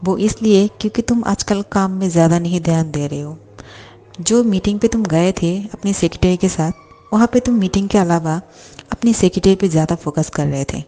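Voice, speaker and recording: A stern, commanding father scolding his grown son, voiced by a woman narrating a storybook. The voice is lowish and warm, with dark, soft tones. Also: a little fast, lightly acted.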